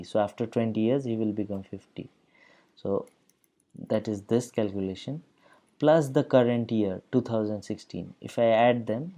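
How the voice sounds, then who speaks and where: Mellow-voiced man teaching shell scripting. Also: lowish voice. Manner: patient, explains step by step with many fillers. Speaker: instructor. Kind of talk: screen-recorded coding lesson. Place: voice-over for a screen recording.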